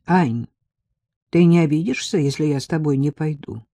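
A woman reading the part of a timid young woman who hesitantly, apologetically asks a friend for a favor, in a soft, husky, dry voice. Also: low voice, moderate pace, no room sound.

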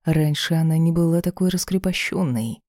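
Male audiobook reader, mellow and steady, close and dry. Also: on the high side, moderate pace, no room sound. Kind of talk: first-person romance narration.

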